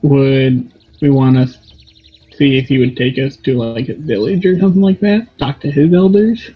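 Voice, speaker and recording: A man's voice: medium pitch, normal speed, breathy edge. A man talking casually as a player in a tabletop game. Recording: dull lo-fi audio, music behind.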